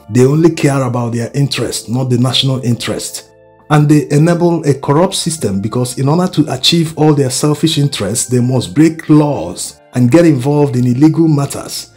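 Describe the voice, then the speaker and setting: A Nigerian man presents pointed political commentary at a middling pitch, with music faintly underneath. He speaks emphatically, urging listeners on and driving his points home with rhetorical questions. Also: warm tone. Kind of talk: opinionated political commentary to camera or voice-over. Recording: music behind the voice. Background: background music.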